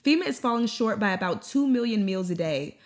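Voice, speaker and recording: A woman's voice: medium pitch, lively intonation, fairly quick. A young woman co-hosting a scripted comedic news show, reading with sarcastic jokey asides. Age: young adult. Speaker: co-host.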